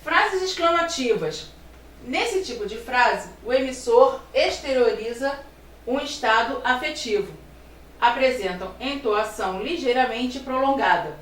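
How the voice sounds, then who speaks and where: A high-pitched woman leads a grammar lesson, posing rhetorical questions and drawing out her examples. She sounds set back from the mic in a roomy space with a faint hum of ambience. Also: lively intonation, fairly bright tone. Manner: explaining with rhetorical questions, slow stressed examples. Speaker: teacher. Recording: roomy sound from a distance, faint room noise.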